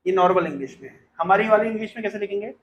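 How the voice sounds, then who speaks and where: A man's voice: sits high, animated, rapid-fire, fairly bright tone, roomy sound, dull audio. A man teaching a class in a casual, questioning way, coaxing students to answer.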